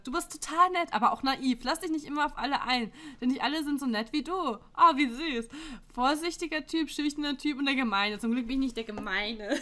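A young woman with a fairly high voice talks casually at home into a desk microphone. She is blunt and slangy, reads quiz questions aloud, and laughs easily between her answers. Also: pushed and bright. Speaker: YouTuber. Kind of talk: casual chat reacting to an online quiz. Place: home room with window open.

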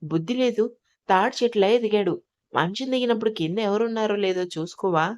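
A woman's voice: mid-range voice, brisk, natural voice. Woman playing a fussing old grandmother. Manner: fussing and scolding. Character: caring, sharp-tongued old grandmother.

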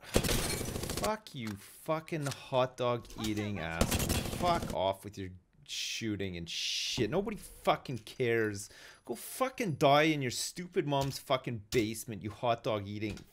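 A raging gamer man rants in crude insults at a medium pitch. His delivery is lively and drawn out, with gunfire and clear noise behind. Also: unhurried. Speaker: video game streamer. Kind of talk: live gaming reaction. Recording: noisy game stream with gunfire.

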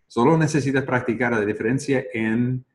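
A man teaching pronunciation to Spanish speakers, speaking slowly and repeating words for listeners to echo. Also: mid-range voice. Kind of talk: bilingual pronunciation lesson. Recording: roomy echo.

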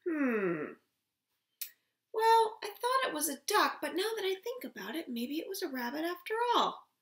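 A woman in her thirties reading a picture book as if to a toddler, expressive and exaggerated, with simple phrases and pauses. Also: high-pitched, echoey room. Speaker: children's storytime host. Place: small room at home, indoors.

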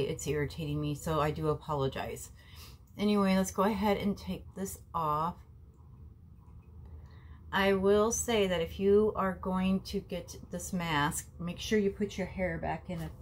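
A woman in her forties with a lowish voice, made nasal and stuffy by a cold, reviews a face mask for her vlog audience. She's chatty and familial, um-ing often, while recording indoors in a small home bedroom. The camera faces her from desk distance and catches slight background noise.

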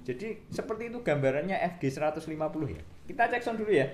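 Relaxed man explaining guitar repairs. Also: fairly high pitch, fast, reverberant. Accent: Indonesian, East Javanese. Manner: relaxed and explanatory, counting frets aloud, many fillers. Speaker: guitar repair shop owner. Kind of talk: casual workshop demo talk.

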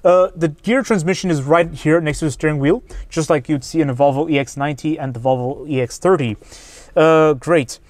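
A man's voice: on the high side, fairly quick, a little mellow. Chatty man reviewing a car. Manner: chatty, candid, with frequent fillers. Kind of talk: casual car review walkthrough.

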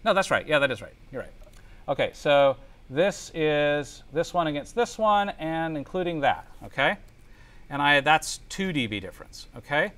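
In an indoor classroom, a male teacher with a fairly high, bright voice lectures at normal speed with big swings in pitch. He walks through a spreadsheet demonstration step by step, frequently checking understanding with short tag questions.

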